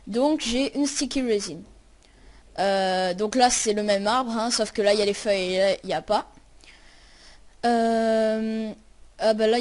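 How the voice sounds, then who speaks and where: A woman's voice: a little high, a little mellow. A woman hosting a casual game tutorial, chatty and full of hesitations. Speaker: tutorial host.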